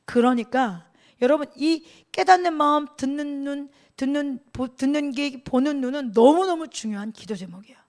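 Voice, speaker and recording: A middle-aged woman pastor delivers a sermon in a bright, high voice. She keeps it conversational, turning to the congregation with questions and laughing easily. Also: moderate pace.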